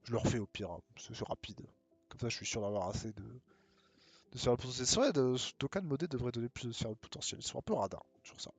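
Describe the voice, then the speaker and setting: A French man chats loosely through a live game stream at an ordinary middle pitch, joking with viewers as he plays. When he switches to English it comes out halting and thick with a French accent. Faint music runs quietly under his voice. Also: expressive, slightly rough, no room sound. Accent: heavy French accent when speaking English. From France. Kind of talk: casual live-stream chat while playing a mobile game.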